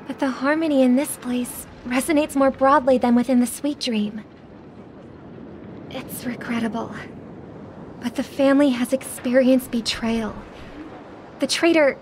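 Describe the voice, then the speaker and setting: An actress voicing a graceful young singer, speaking softly and earnestly in a video game. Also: female voice, high voice, a little hiss or hum, natural voice. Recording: game audio with music behind.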